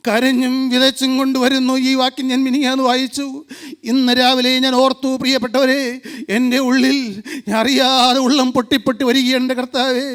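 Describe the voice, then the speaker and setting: A man's voice: very high voice, a bit bright, clear, resonant tone. A man preaching an impassioned gospel sermon, pleading with his listeners and calling them beloved again and again. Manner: fervent, pleading, repeatedly addresses listeners as beloved.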